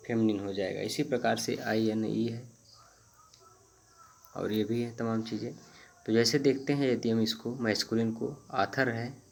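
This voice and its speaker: A man teaching grammar in Hindi, reading each rule out very slowly, one word at a time, and repeating himself with hesitant fillers. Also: mid-range voice, gravelly. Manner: explains slowly in Hindi, reads English rules very slowly word by word. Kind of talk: Hindi-medium grammar lesson.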